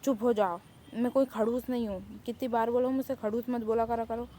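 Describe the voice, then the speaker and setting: A woman's voice: a little high, steady tone, brisk, warm tone, slight background noise, close to an everyday voice. A woman voicing a stern, grumpy young man who scolds and speaks curtly. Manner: curt, scolding.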